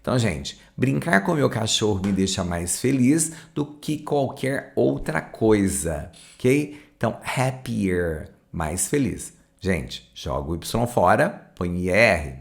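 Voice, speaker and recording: Gravelly, animated male English teacher. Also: fairly low pitch. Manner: addresses viewers as "gente", repeats each rule slowly; reads English example sentences slowly and deliberately. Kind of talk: explanatory lesson.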